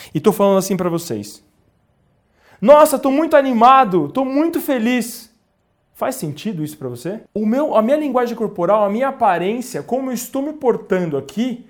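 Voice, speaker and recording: A man's voice: high voice, a little mellow. A man teaching a video lesson on communication, speaking straight to the viewer with rhetorical questions and acted-out examples. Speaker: communication trainer.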